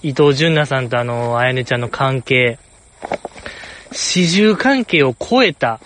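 A man's voice: mid-range voice, lively intonation, measured pace, fairly bright tone, slight background noise. A young man with an Osaka accent, chatting casually and rambling on his own, playfully earnest. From Osaka, Japan. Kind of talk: casual solo chat.

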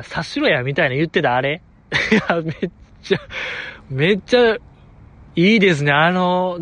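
A young man with a Kansai accent talks alone as a chat host, rambling with a fan's eagerness. His voice sits fairly high and swings widely up and down. The talk is loose and unscripted. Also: a bit bright. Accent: Kansai Japanese. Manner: rambling, enthusiastic fan commentary. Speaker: podcast host. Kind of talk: casual solo chat.

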